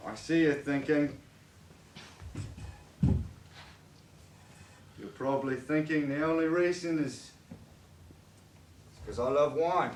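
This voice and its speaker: A man's voice: medium pitch, a little mellow, a little hiss or hum, lightly acted. A man playing a bitter drunken old father on a college stage, rambling and stammering as he pleads and rails. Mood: wheedling. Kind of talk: stage play acting. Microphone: distant room microphone. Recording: echoey stage recorded from far off.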